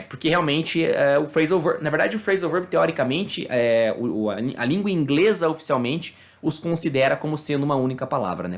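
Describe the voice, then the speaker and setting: Brazilian guy teaching english online, talks it through slow with lots of fillers and tag questions, middle pitch. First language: Portuguese. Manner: explains slowly with many fillers and tag questions. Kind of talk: casual online lesson.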